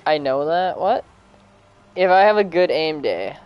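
Woman, low voice, playful gamer banter. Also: sing-song, measured pace, smooth, dull audio. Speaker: streamer. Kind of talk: casual gaming chat.

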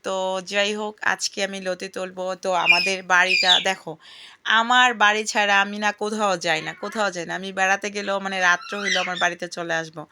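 A woman's voice: mid-range voice, steady tone, fast, noisy background. A woman, chatting casually in a home vlog from her garden, often exclaiming aloud and calling out to her pet bird. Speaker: vlogger.

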